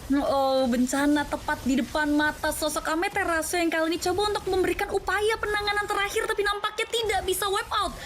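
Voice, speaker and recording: A woman's voice: extremely high pitch, level tone, brisk, hardly any pauses, fairly bright tone, slight background noise. A woman with an Indonesian accent commentating an esports match like a fighting game announcer, in wordy phrases sprinkled with English game terms.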